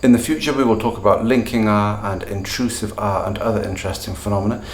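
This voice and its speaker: A man with a standard British accent giving a pronunciation lesson, speaking in a measured way and slowing down to model example words. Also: on the low side, fairly even intonation, echoey room, a little hiss or hum. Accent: standard British English. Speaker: English pronunciation teacher.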